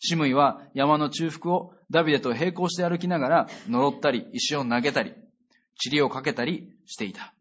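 A pastor preaching a sermon in a conversational, earnest way, with emphatic sentence endings. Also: male voice, a little high, moderate pace, husky. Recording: dull lo-fi recording.

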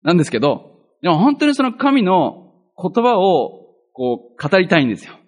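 A man's voice: high voice, very animated, moderate pace. A male pastor giving a chatty, earnest Bible teaching, with self-deprecating asides.

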